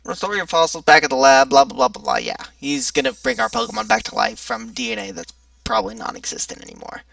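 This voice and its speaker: Gravelly, bright-voiced young gamer. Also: male voice, high-pitched, wildly swooping pitch, quick pace, no room sound, distant mic. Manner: joking, sarcastic, chatty asides. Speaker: let's play gamer. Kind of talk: casual gameplay commentary.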